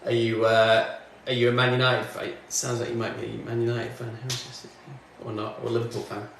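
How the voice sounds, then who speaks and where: A man's voice: mid-range voice, flat delivery, a little fast, gravelly, recorded from a distance. Guy chatting on a stream, off mic, big echo, faint hum behind. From northwest England. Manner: chatty, answers chat comments, talks while working. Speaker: music streamer. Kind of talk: casual livestream chat. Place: home studio, in doors. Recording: very echoey room, off mic, faint background noise.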